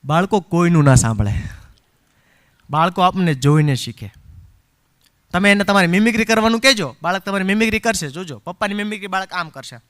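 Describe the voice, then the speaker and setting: A middle-aged man giving a parenting seminar talk, an animated storyteller who acts out quotes and slips English phrases into his speech. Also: high voice, a little fast.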